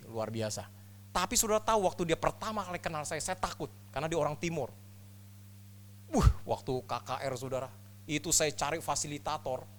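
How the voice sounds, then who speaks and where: A man in his fifties preaching a sermon as a pastor, telling stories with humor and jumping between loud bursts and quiet asides. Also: medium pitch, slight background noise. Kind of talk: storytelling sermon.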